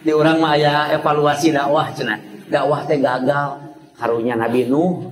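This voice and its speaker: A male preacher with a Sundanese accent giving a lively, joking sermon to a women's gathering, mixing in sound imitations. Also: a little high, moderate pace, background noise. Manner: switches between Indonesian and Sundanese, jokes, imitates sounds. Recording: echoey room with audience.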